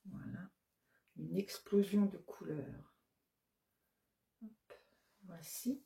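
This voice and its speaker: Slow, mellow-voiced woman showing off yarn. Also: lowish voice, creaky. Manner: hesitant, many fillers, listing colors one by one. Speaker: yarn shop owner presenting her new colorways. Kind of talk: casual product show-and-tell.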